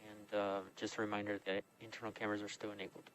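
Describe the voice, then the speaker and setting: Low voiced ground control guy on crackly space radio, quick brisk calls, faint hiss. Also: monotone, fairly bright tone. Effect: crackly space radio link. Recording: distant radio audio with faint noise.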